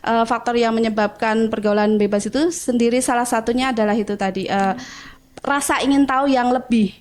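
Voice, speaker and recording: Middle-aged woman teacher, slightly high voice, chatty explainer full of hesitations. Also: steady tone, a little fast. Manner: explanatory, hesitant with many fillers. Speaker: teacher guest. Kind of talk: casual school podcast discussion. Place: school studio.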